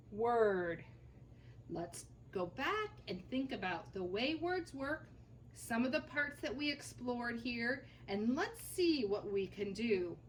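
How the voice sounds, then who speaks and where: Slow, lively woman teaching phonics. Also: on the high side, slight background noise. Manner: slow, encouraging, sounds out letters. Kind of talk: phonics lesson for children.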